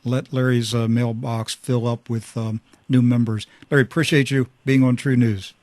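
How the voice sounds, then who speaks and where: A man's voice: medium pitch, little pitch movement, moderate pace, a little mellow, dry recording. Male talk radio host, fervent and preachy, mid-range voice, dry studio sound.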